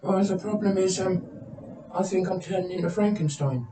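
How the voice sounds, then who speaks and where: A man voicing an anxious male patient in a comedy sketch, pleading in a high put-on voice. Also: moderate pace, close to an everyday voice. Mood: worried. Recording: roomy, distant, faint noise.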